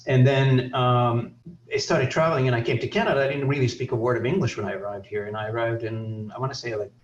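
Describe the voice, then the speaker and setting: A man's voice: medium pitch, fairly even intonation, quick pace, roomy sound, recorded from a distance, muffled recording. A man from Lebanon, a native Arabic speaker, hosting a podcast and rambling with many fillers and restarts. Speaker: podcast host. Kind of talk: casual conversation. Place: in Canada.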